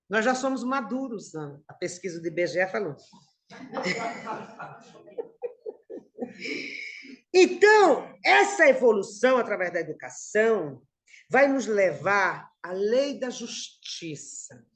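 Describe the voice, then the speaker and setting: Middle-aged woman from Brazil, spiritist lecturer, fairly high voice, very animated pitch, conversational. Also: slow pace, pauses often. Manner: lively, conversational, addresses listeners as brothers.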